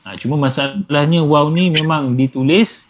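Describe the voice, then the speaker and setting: A man explains grammar to a class in a patient, repetitive way, full of small fillers. His voice sits a little high for a man. The recording is dull and lo-fi, with a faint hiss underneath. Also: steady tone, normal speed. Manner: patient, repeats and translates terms, many fillers. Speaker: Arabic grammar teacher.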